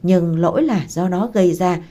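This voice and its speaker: A woman, narrating a dramatic story in a steady reading voice. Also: lowish voice, moderate pace.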